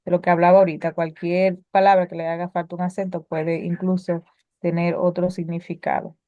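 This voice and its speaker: Woman teacher, spelling lesson, lowish voice, dry close sound, reads from notes with small hesitations. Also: level tone, brisk, dry recording, narrow, tinny audio. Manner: reads prepared explanations with occasional filler and restarts.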